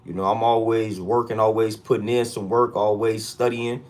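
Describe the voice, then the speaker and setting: Male, American, lower-pitched voice. Livestream host chatting casually in street slang, leaning on repeated catchphrases to rally viewers. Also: little pitch movement, moderate pace, darkish tone. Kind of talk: casual livestream check-in chat.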